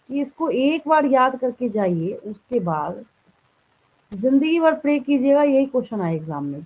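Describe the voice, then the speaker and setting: A biology teacher from India lecturing a live class. She asks the students each point as a question, answers it herself, and checks often whether they follow. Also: a little high. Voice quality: clears throat now and then. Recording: thin phone-like sound.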